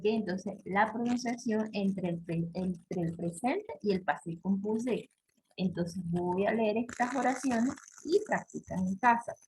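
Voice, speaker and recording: A woman teaching a French class online, explaining slowly and checking in with "¿ok?" and filler words, with faint background noise. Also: mid-range voice, a little mellow, poor audio. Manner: slow, explanatory, many "¿ok?" checks and "este" fillers; reads French example sentences slowly with exaggerated pronunciation.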